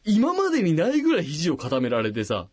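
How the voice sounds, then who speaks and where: A man's voice: brisk, slight background noise. A man hosting a late-night radio show, casually telling a long personal story and acting out the voices of the people in it. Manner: animated, acts out quoted voices with big pitch jumps. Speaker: radio host. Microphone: studio microphone.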